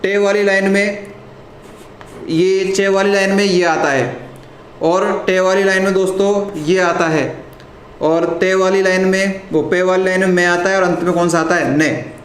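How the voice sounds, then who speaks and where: High-voiced male teacher in an echoey room. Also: steady tone, a little slow. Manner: repeats questions to the class and answers them; often clears throat. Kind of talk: live online grammar lesson. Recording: echoey room with faint noise.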